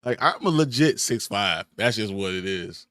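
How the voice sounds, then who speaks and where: A man's voice: on the low side, lively intonation, moderate pace, pushed and bright, no echo, studio quality. A young man co-hosting a live pop-culture show, easygoing and enthusiastic. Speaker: co-host of live nerd news show. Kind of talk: casual chat.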